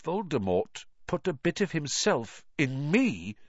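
A high, strained young boy wizard, voiced by a man, pushing his words out in a rush and stumbling over them. His voice climbs and swings widely, and the recording sounds dull and dry. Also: big pitch swings, unhurried, a bit bright, no room sound, exaggerated voice. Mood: desperate. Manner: urgent, faltering, rising. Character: anxious boy wizard, twelve, earnest.

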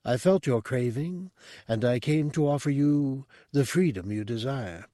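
A man voicing a calm, telepathic spider-bodied male monk who speaks in a soft, measured, coaxing way. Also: medium pitch, dry recording, clean studio sound, pitched above the performer's own voice, lightly acted. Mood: persuasive.

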